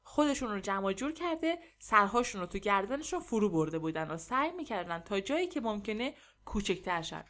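A woman narrating a humorous story in a lively, expressive reading. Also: mid-range voice.

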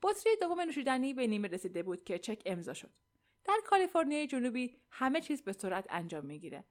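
Woman audiobook narrator, calm and even. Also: fairly high pitch.

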